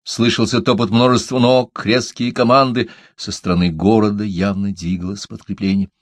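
Man, audiobook narration, dramatic reading, low voice, dry close sound. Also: steady tone, moderate pace, no echo. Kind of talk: scripted fantasy narration.

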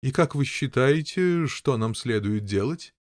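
A man's voice: medium pitch, animated, measured pace, no room sound, studio quality, natural voice. A man voicing a cautious, courteous knight who speaks formally and measuredly.

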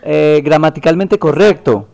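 Rambling, affectionate male host with a mellow voice. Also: on the high side, unhurried, gravelly. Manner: rambling, self-correcting, affectionate. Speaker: talk show host. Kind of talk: casual interview hosting.

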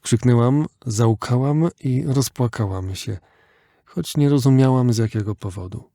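Male audiobook narrator, measured and reflective, mellow tone, dry booth. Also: mid-range voice, dry recording. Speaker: audiobook reader.

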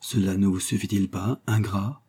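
A man voicing a gentle, wistful young noble lady in an audiobook, with soft, earnest courtly speech. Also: deep voice, fairly even intonation, normal speed, slightly rough. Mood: tender. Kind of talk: audiobook character voice.

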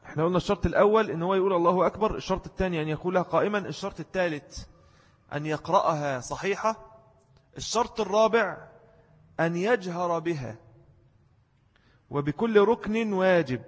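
An Egyptian man teaches a religious lesson in a slightly high, husky voice. He explains each rule step by step and demonstrates mistaken and correct pronunciations aloud. His voice rings with a long reverb, as in a large hall. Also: fairly quick, pauses often. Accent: Egyptian Arabic.

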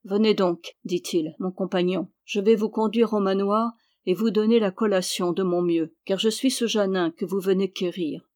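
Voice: medium pitch, fairly even intonation, moderate pace, hardly any pauses, a little mellow, close to an everyday voice. A reader voicing a blunt, loyal man-at-arms in an audiobook, speaking plainly and directly. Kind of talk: audiobook character reading.

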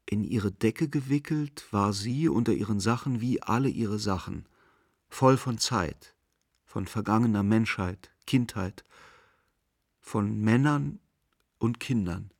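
A man narrating a radio drama in a slow, measured, melancholic manner. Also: fairly low pitch, no echo, clean studio sound. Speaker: narrator and main character.

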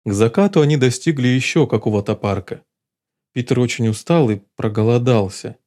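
Male audiobook narrator, mellow tone, steady and measured delivery. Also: medium pitch.

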